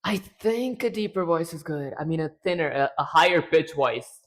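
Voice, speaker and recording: A man's voice: fairly high pitch, moderate pace, rough recording. A man on a live stream chatting casually to himself as he works, his throat strained and feeling lightheaded. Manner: mutters to himself while working, relaxed. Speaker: livestreaming game developer.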